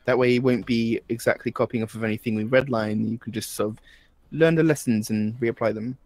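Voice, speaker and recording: A man's voice: mid-range voice, steady tone, fairly quick, a little mellow, dry recording. A British man co-hosting a casual online art critique stream, easygoing and chatty.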